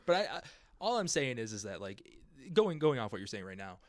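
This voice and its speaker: A man's voice: fairly low pitch, sing-song, a little fast. A man co-hosting a podcast in casual chat, teasing and laughing with his friends. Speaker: podcast co-host.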